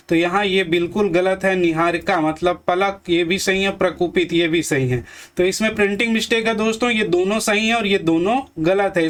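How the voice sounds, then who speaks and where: A man teaching Hindi grammar for exam prep, slowly repeating each word and quizzing his viewers. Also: high voice, fairly bright tone.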